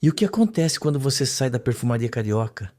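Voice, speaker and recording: A man reading as a calm, soothing doctor. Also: medium pitch, fast, natural voice. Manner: soft, calm, encouraging. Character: calm male doctor guiding hypnosis. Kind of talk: read-aloud soap recap.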